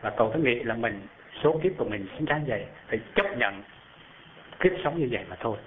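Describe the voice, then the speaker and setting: At a brisk pace, a man gives an animated storytelling sermon built around a Buddhist tale, with a live audience present. The sound is tinny and phone-like; he keeps asking the crowd questions and climbs high in pitch during descriptions.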